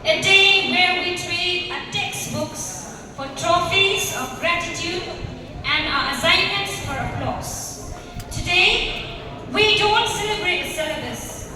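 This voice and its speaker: A woman's voice: very high-pitched, slow pace. A young woman co-hosting a school ceremony with a scripted, formal welcome. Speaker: student co-host of a school program. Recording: very echoey hall, distant, crowd noise.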